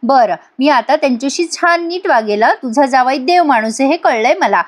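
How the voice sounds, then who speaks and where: A woman's voice: high-pitched, lively intonation, moderate pace. A woman voicing a young wife who retorts sharply and teases. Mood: retorting. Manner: retorting, teasing.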